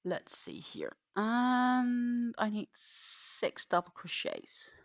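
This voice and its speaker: In a very slow, expressive manner, a woman with a slightly high voice chats through her crochet livestream. She rambles with frequent ums and half-mutters the stitches she's counting. There's no room sound.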